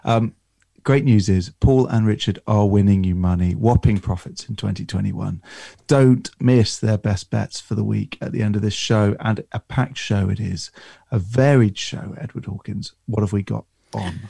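A man's voice: on the low side, moderate pace, gravelly, warm tone, breathy edge, no echo, studio quality. A man hosting a sports betting podcast, presenting and handing over to guests. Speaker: podcast host.

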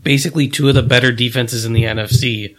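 Brief: man, mid pitch, dry wisecracking co-host in casual sports talk. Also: fairly even intonation, fast talker, fairly bright tone.

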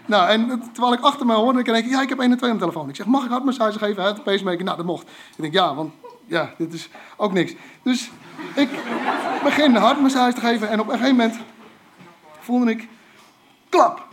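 Man, high voice, chatty storyteller who stumbles and restarts. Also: a little hiss or hum. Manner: animated, halting, many fillers and restarts. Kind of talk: casual spoken anecdote.

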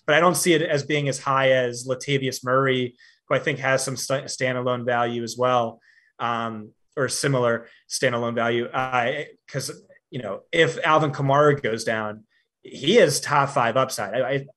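Podcast guest analyst, male, conversational, stumbles into sentences then states views flatly. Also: medium pitch, moderate pace. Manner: frequent fillers and repeated starts, confident opinions. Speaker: fantasy football analyst guest. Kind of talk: casual podcast discussion.

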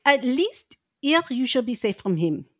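An excitable elderly professor, as a woman puts him on, speaking in raised, strained tones that sit well above her reading voice. His lines come in urgent bursts that trip over themselves when he gets carried away. The voice itself has an odd, altered colour. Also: a little high, a little slow, pitched above the performer's own voice. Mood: grave. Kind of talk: voicing a character in a read-aloud novel.

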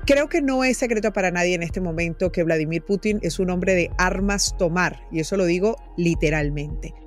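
A woman hosting an interview podcast, asking measured questions. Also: fairly low pitch, faint music behind. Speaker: host.

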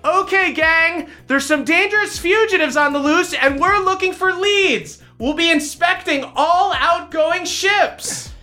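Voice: very high-pitched, unhurried, few pauses, bright, forceful tone, voice pushed up, exaggerated voice. A game master voicing a cheery, officious young male knight who announces through a megaphone during a tabletop game. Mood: peppy announcing.

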